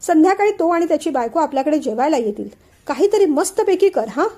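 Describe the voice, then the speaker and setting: A woman's voice: sits high, expressive, quick pace, mellow. A woman voicing a cheerful older father who insists on inviting guests, read in a storybook telling. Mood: hearty. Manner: hearty, insistent host.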